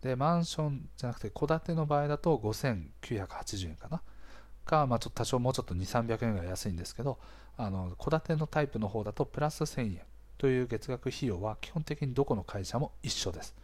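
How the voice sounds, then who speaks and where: A man with a slightly hoarse voice hosts a casual explainer, talking conversationally to listeners and often checking in with small interjections. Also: medium pitch, expressive, fast, darkish tone. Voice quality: hoarse, gravelly-sounding voice. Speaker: podcast host.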